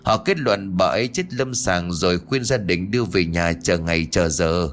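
Old village man in a ghost story, low, gruff and scolding, read by a male narrator. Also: animated, moderate pace. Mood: weary. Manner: brusque, scolding, talks down to the young.

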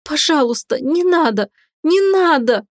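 A woman voicing a defiant, sharp-tongued young wife who argues with sarcasm and passion. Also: on the high side, lively intonation, normal speed, no echo, studio quality, lightly acted. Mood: pleading. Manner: indignant, sarcastic, impassioned.

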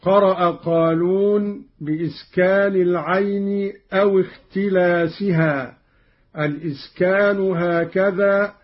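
On a dull, lo-fi old radio recording, a man gives a measured lesson on Quran readings, explaining each one and chanting the verses he quotes. His voice is high, with fairly even intonation.

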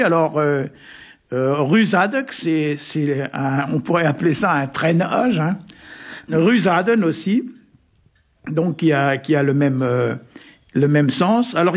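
Chatty man with a husky voice. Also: on the high side. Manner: hesitant, many "euh" and "hein" fillers, chuckles often. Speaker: Breton language expert on a radio show. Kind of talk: casual explanatory chat.

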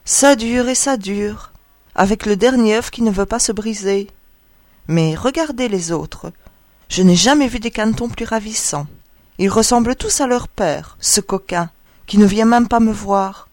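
A woman's voice: mid-range voice, unhurried, darkish tone, no room sound, natural voice. Mother duck, protective and doting, storybook reading; a woman reads her, dry close sound. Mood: fretful. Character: anxious proud mother duck, female, adult.

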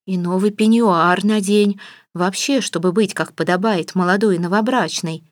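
A woman's voice: mid-range voice, fairly even intonation, moderate pace, no room sound, studio quality, lightly acted. A woman reading an audiobook, voicing a stern, fussy middle-aged mother who scolds and gives orders. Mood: bossy. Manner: scolding, bossy. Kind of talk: audiobook character voice.

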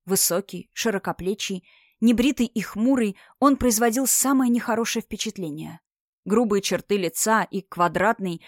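A woman, working as an audiobook narrator, reads a novel aloud in scripted narration with a steady yet expressive delivery. Her medium-pitched voice is recorded at studio quality with no room sound.

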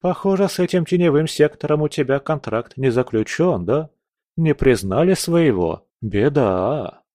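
A man voicing a calm, mocking young male mage in an audiobook. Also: mid-range voice, normal speed, dry recording, clean studio sound, close to an everyday voice.

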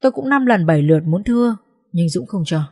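A woman's voice: medium pitch, animated, fast, dark tone, no room sound, clean studio sound. A woman narrating a first-person family drama in a tense, emotional reading. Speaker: audiobook narrator.

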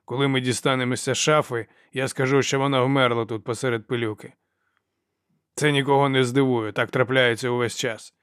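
A man reading an audiobook voices a coarse male slave guard who haggles and mocks in a loud, jeering way. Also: medium pitch, steady tone, a little fast, clear, resonant tone, no room sound, clean studio sound, natural voice. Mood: jeering, haggling.

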